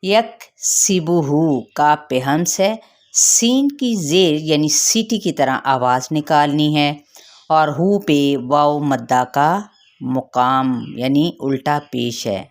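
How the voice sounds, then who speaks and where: A woman with a Pakistani Urdu accent teaching Quran recitation rules, explaining each letter slowly and carefully. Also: low voice. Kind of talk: tajweed lesson with recitation.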